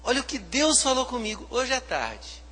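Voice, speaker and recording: Bright fervent Brazilian pastor in a hall. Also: male voice, very high voice, sing-song, moderate pace. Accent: Brazilian Portuguese. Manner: swings from hushed to loud, fervent preaching. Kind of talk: sermon.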